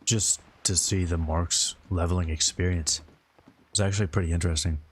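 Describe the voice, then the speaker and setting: A man's voice: sits low, fairly even intonation, normal speed, husky. A man talking informally and ramblingly as he hosts a game livestream and answers his viewers' chat. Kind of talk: casual gaming stream commentary, answering viewer chat.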